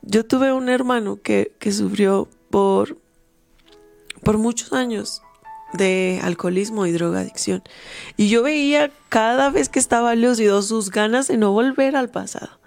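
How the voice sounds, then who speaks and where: A woman with a somewhat higher voice co-hosts a faith talk show. She talks reflectively, sometimes hunting for the right word and laughing softly as she speaks. Light music sits underneath. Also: a little slow, gravelly. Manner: searches for words, laughs softly while talking.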